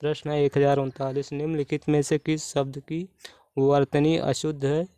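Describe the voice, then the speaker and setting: A man's voice: on the high side, little pitch movement, moderate pace, dark tone, dry recording. A man teaching Hindi spelling for exam preparation, going through questions methodically and repeating each answer. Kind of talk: explaining spelling questions step by step.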